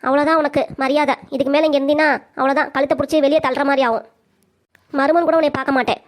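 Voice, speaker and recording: திருநெல்வேலி வட்டார வழக்கில், கேலியும் திட்டுமாகப் பேசும் வயதான சூழ்ச்சிக்கார மாமியாராக ஒரு பெண் குரல் கொடுக்கும் cartoon. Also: female voice, high voice, steady tone, fast, lightly acted. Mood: scolding. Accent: Tirunelveli Tamil. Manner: taunting, scolding. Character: sharp-tongued scheming older mother-in-law. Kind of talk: cartoon comedy voice acting.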